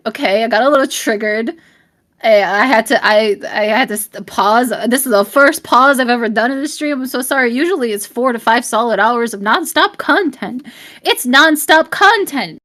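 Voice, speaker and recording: A young adult woman live-streaming, talking straight to her chat in a blunt, profane, rambling rant, at times shouting and often apologizing. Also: a little high, moderate pace. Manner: profane, blunt, swears constantly. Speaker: livestreamer.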